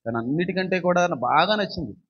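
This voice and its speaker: A man's voice: high voice, animated, fast, husky. A man preaching a sermon in a dramatic way, acting out family quarrels in raised voices. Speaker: pastor. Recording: dull sound with long hall reverb.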